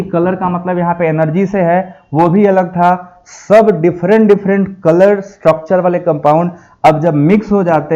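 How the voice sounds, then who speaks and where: A man teaching a chemistry lecture, explaining slowly and asking the students questions again and again. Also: sits high, a little mellow, lo-fi sound. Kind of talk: classroom lecture.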